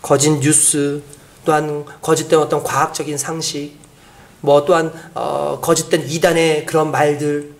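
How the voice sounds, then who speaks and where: A man's voice: a little high, little pitch movement, a little slow, creaky. A man preaching a sermon as pastor, acting out quoted voices with dramatic shifts. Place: church sanctuary.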